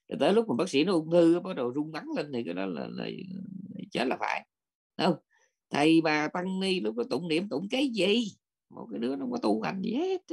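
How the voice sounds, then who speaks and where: A man's voice: mid-range voice, creaky, slightly rough. A male Buddhist monk from gives a blunt, scolding dharma talk and keeps asking his listeners whether they agree.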